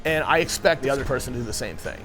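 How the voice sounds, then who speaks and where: A man's voice: medium pitch, rapid-fire, poor audio. Earnest male fighter over faint music. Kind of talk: casual interview talk.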